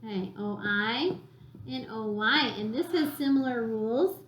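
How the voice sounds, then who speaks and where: A woman teacher giving a recorded phonics lesson to young children, sounding out letters slowly and encouragingly. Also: a little high, a bit bright, a little hiss or hum. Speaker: elementary school teacher. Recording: echoey room.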